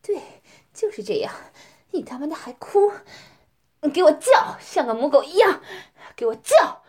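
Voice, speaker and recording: A woman's voice: sits high, very animated, darkish tone. A woman playing a domineering, scornful young mistress. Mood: harsh. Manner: taunting, with frequent drawn-out questioning "ah?" and "hm?". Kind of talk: adult audio role-play.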